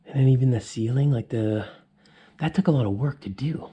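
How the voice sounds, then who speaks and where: A man's voice: mid-range voice, a little fast, mellow, slight background noise. A man in his thirties vlogging a walkthrough of an empty mansion, filming himself with a handheld camera at arm's length and thinking aloud with awed exclamations. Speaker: urban explorer vlogger. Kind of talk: casual walkthrough vlog. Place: large empty indoor mansion rooms. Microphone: handheld action camera at arm's length.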